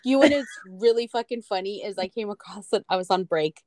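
An American woman co-hosts a podcast, her darkish, mid-range voice moving a little fast with no echo. Her casual chat is rambling and emphatic, and she swears freely.

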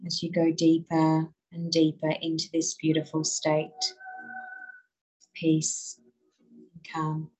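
A woman guiding a listener through muscle relaxation in a slow, soothing voice. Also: deep voice, monotone, darkish tone, husky, poor audio. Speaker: relaxation guide. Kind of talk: guided relaxation.

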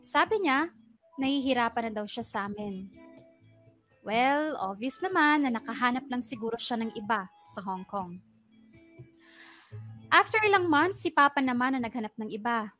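A woman's voice: on the high side, lively intonation, moderate pace, long pauses, fairly bright tone, faint music behind. A woman narrating a listener's letter in an earnest, confessional storytelling manner. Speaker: radio drama narrator reading a listener's letter.

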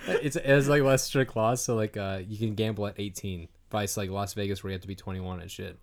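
A man's voice: on the low side, fairly even intonation, normal speed. A man in his twenties, co-hosting a podcast in a rambling, casual chat full of fillers and swearing. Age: 20s. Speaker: podcast co-host.

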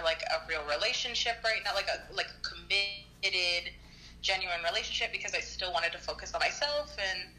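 A woman's voice: on the low side, pushed and bright, rough recording. A woman in her early twenties, chatting casually on the phone, rambling with lots of "like"s and coughing now and then as she gets over an illness. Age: early 20s.

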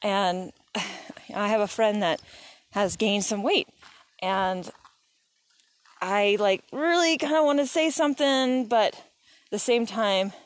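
A woman's voice: medium pitch, slow pace, long pauses. A mother talking casually and encouragingly to her viewers while out on an early morning walk by a creek. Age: adult mother of young kids. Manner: chatty, encouraging, talks directly to viewers. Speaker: vlogger. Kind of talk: casual motivational vlog. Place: outdoors by a creek in the woods.

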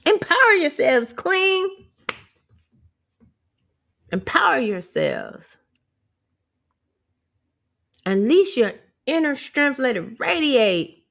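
A woman's voice: high voice, sing-song, slow, vocal fry, pauses often, husky. A woman giving a motivational rant on her vlog. She is brash and profane and laughs often. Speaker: vlogger.

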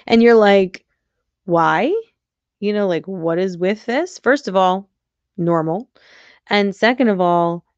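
A woman's voice: lowish voice, no echo, lo-fi sound. A young adult woman hosting a podcast as a coach, speaking frankly in a casual reflective monologue and swearing now and then. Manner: frank and candid, occasional swearing.

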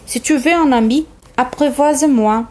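A woman with Portuguese as her first language voicing a lonely, wise fox in a slow, gentle read-aloud of a storybook. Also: high voice, pitched above the performer's own voice, natural voice. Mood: earnest.

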